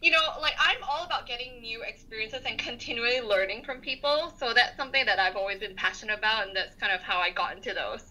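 Bright upbeat woman from Singapore. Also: fairly high pitch, rough recording. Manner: upbeat, quick, laughs easily. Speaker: tech community lead, guest. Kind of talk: casual interview chat.

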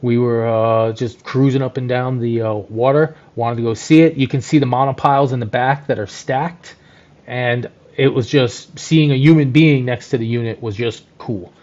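A man's voice: mid-range voice, steady tone, normal speed, a little mellow. Rambling, enthusiastic male co-host, dull sound. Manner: rambling, enthusiastic, lots of fillers. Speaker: podcast co-host, journalist. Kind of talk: casual chat.

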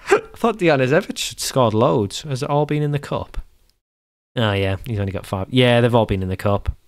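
A man's voice: medium pitch, expressive, normal speed. A young man giving casual commentary over a football management game, exasperated and repeating himself as he talks to himself. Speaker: gaming YouTuber.

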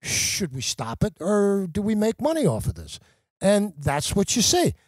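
A man's voice: sits high, wildly swooping pitch, unhurried, no room sound. A man who works as a journalist and talk radio host, a guest on a podcast, arguing his points with emphatic, impassioned conviction. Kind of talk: podcast conversation.

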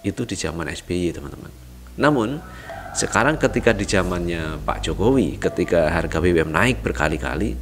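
Deep-voiced man presenting online news. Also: expressive, fairly quick, a little hiss or hum. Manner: reads netizen comments in a livelier voice, then talks loosely to viewers. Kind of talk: reading news then casual commentary. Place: Jakarta.

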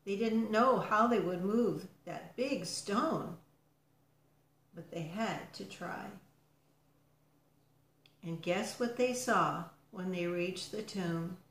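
A woman reading a storybook aloud to children, gentle and expressive, with soft drops in volume. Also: mid-range voice, slow, long pauses, echoey room, poor audio.

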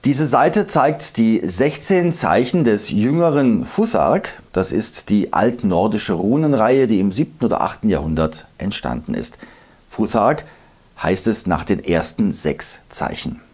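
Lively lower-voiced man explaining history. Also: slightly rough. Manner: lively, emphatic explainer who slows to recite old verses. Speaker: history video host. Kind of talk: scripted educational narration.

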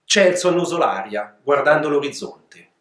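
A man reads his own picture book to children in a playful, expressive manner. His voice sits a bit high and moves a lot, heard in a roomy, echoing space. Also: normal speed. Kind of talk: children's story reading. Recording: echoey room.

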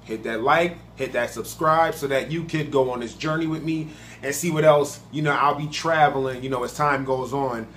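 On his own video channel, a man casually tries a spicy snack, speaking in a steady, mid-range, somewhat bright voice at a moderate pace. The food reaction vlogger is chatty, relaxed, and heavily profane, with a little hiss or hum in the audio.

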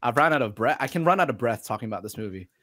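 A man co-hosting a podcast, talking through a film review in a casual, excitable way and swearing freely. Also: medium pitch, very fast, slight background noise. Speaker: podcast co-host.

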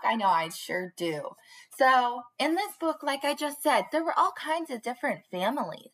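In a low-quality webcam recording from a small panelled indoor room, a young preschool teacher gives a bubbly, sing-song read-aloud for little ones. Her voice is a little high and a bit bright.

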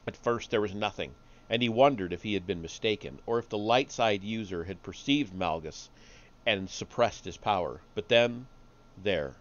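Man, low voice, live story reading, small stumbles, muffled lo-fi sound. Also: moderate pace. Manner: steady reading with small slips and restarts. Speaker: streamer reading stories aloud.

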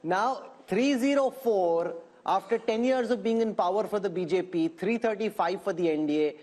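High-pitched North Indian man anchoring live debate. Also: moderate pace, a little mellow. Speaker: television news anchor. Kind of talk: live panel debate hosting.

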